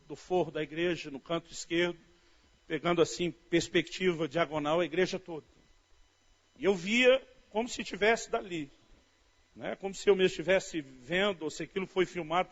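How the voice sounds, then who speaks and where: A high-pitched man with a Brazilian Portuguese accent preaches in an animated storytelling style. He talks to his listeners warmly as "dear". The recording sounds dull and lo-fi. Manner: storytelling, animated, often says "querido". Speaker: pastor. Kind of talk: sermon. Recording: dull lo-fi audio.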